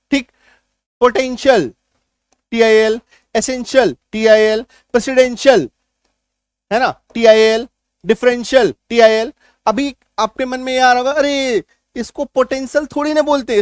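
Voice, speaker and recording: A male teacher giving an online spelling lesson, who explains slowly, spells words out letter by letter and keeps checking in with his listeners. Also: extremely high pitch, no echo, studio quality. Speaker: English teacher.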